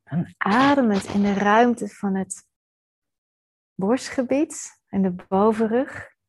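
A woman leading a guided body-scan meditation in a soft, calm, soothing voice, leaving pauses between short instructions. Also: medium pitch, breathy edge. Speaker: meditation teacher.

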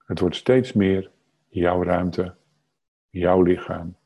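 Lage, krakerige mannenstem voor geleide meditatie. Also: male voice, low-pitched, husky. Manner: calm, unhurried, short phrases with long pauses. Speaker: guided meditation leader. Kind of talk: slow guided meditation narration.

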